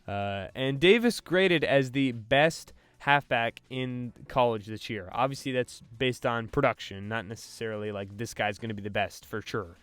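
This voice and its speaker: A man's voice: medium pitch, normal speed, hardly any pauses, fairly bright tone, clear, resonant tone, dry recording. A man hosting a sports podcast, breaking down draft prospects in a loose, casual way with lots of fillers and restarts. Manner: loose, filler-heavy delivery with frequent restarts.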